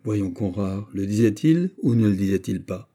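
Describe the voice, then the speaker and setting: A man voicing a witty, playful poet who argues with quick teasing replies in an audiobook. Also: lowish voice, lively intonation, dark tone. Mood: arguing. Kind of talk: audiobook character voice.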